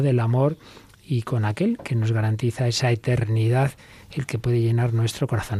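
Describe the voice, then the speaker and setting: A man's voice: medium pitch, mellow, dry recording. A man hosting a radio talk show, reflective and guiding his guest with questions, on a studio mic. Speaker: radio host.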